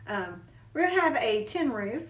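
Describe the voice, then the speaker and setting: A woman with a Southern US country accent who gives a calm, chatty, step-by-step painting lesson as an instructor. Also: a little high, moderate pace, far from the mic. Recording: roomy sound, mic set back.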